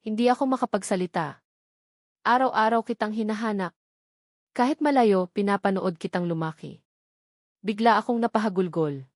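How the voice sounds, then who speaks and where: A woman's voice: mid-range voice, moderate pace, long pauses, no echo, studio quality. A woman narrating a dramatic first-person family story in short, punchy sentences, voicing every character in the same voice.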